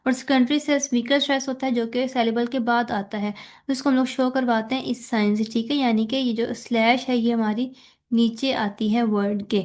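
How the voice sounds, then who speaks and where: Pakistani-accented female lecturer, slightly high voice, patient step-by-step explanations with English terms mixed in. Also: steady tone, normal speed, darkish tone. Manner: explains step by step, mixing English terms, often checks "theek hai". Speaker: teacher. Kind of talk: recorded lecture explaining slides.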